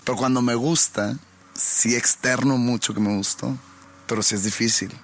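A man's voice: mid-range voice, fairly even intonation, moderate pace. A man with a northern Mexican accent chatting casually with a friend, joking and teasing. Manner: joking, teasing, prone to laughing. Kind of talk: casual chat between friends.

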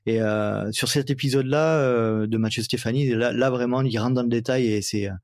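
A man's voice: medium pitch, fairly even intonation, moderate pace, darkish tone, no echo, studio quality. A man hosting a trail running podcast, chatting casually with many fillers and restarts.

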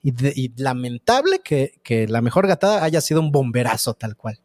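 Mexican man, podcast co-host, high lively voice, playful crude banter, dry close sound. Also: normal speed, no echo. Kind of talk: casual comedy podcast chat.

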